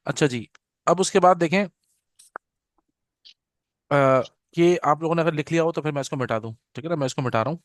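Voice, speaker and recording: Guy teaching a grammar lesson, slightly high voice, dry close sound, says every term twice, checks in a lot. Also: no room sound. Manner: patient, repeats terms slowly with frequent "theek hai na" check-ins; leads students in call-and-response repetition. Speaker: Arabic teacher.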